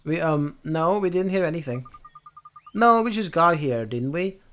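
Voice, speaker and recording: Streamer reading game lines aloud, a man, lively pitch, fairly high voice, faint music behind. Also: measured pace. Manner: reads every character's lines himself, animated. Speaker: lets-play streamer.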